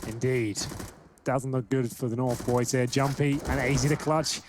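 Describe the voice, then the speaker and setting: A male esports caster gives live play-by-play in a medium-pitched voice. The recording is clearly noisy, with game gunfire behind the commentary. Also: steady tone, normal speed.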